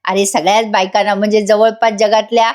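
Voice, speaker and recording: A woman's voice: mid-range voice, level tone, fairly quick, darkish tone. A woman narrating a chatty voice-over review of a TV serial, talking straight to her viewers. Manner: chatty, addresses viewers directly.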